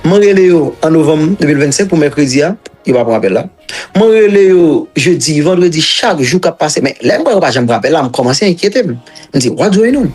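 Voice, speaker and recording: A man's voice: on the high side, lively intonation, fast talker, darkish tone, husky, soft background music. A man from Haiti with a Haitian accent, recounting his own story as an interview guest in a rambling, repetitive way and mixing languages.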